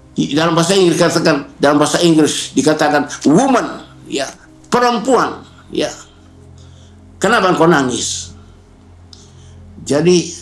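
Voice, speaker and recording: Man preaching in an echoey hall. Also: fairly high pitch. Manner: preaching with repetition and emphatic pauses. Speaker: pastor. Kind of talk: sermon.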